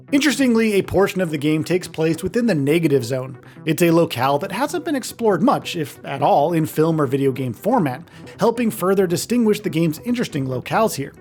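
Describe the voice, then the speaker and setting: A man giving a scripted, top ten countdown style narration in an enthusiastic, informal way. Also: on the high side. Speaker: video game countdown narrator. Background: music.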